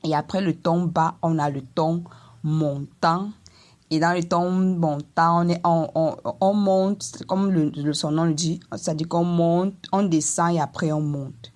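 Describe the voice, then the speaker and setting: A woman teaching a language lesson, explaining slowly and carefully and voicing vowel examples for each tone. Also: lowish voice, steady tone, darkish tone. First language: Eton.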